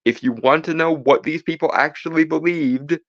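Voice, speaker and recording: A man's voice: on the high side, moderate pace, no echo, lo-fi sound. A man co-hosting a podcast, lecturing emphatically and rebutting a reading, restarting phrases as he argues. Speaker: podcast co-host. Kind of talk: argumentative commentary.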